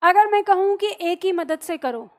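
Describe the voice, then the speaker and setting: Female teacher, high-pitched, patient step-by-step explainer, asks and answers her own questions. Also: lively intonation, measured pace, a little mellow. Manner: asks questions, then answers them herself; checks in often with "ठीक है" and "सही है?". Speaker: Hindi teacher. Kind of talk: explanatory online grammar lesson.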